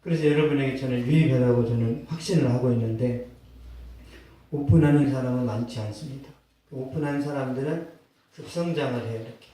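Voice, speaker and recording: A male pastor preaching a sermon, telling a personal story with acted quotes and bursts of loud emphasis. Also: mid-range voice, a little fast, far from the mic. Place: church sanctuary. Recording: echoey church hall, mic from afar.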